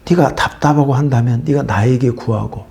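Gravelly-voiced Korean pastor preaching. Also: male voice, mid-range voice, normal speed. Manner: animated preaching, swinging between loud bursts and hushed whispers. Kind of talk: sermon.

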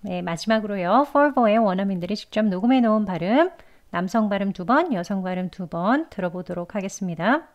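A woman's voice: mid-range voice, expressive, a little fast, muffled recording. A woman teaching English pronunciation in a lesson, patiently modeling words and asking learners to repeat after her.

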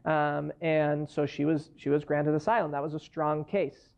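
Gravelly man lecturing in a classroom. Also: fairly high pitch, little pitch movement, moderate pace, a little mellow. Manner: conversational, explains with worked case examples. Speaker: immigration lawyer giving a guest lecture. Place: university lecture hall, standing at a lectern. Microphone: far camera in the room. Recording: dull lo-fi classroom recording.

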